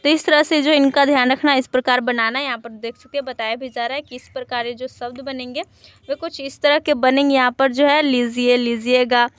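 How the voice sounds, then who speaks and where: A woman Hindi teacher gives an online exam-prep lesson in a high, resonant voice. She explains step by step, reading out lists of example words with many fillers. The sound is close and dry. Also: fairly even intonation, fairly quick, fairly bright tone, clear, resonant tone, dry recording.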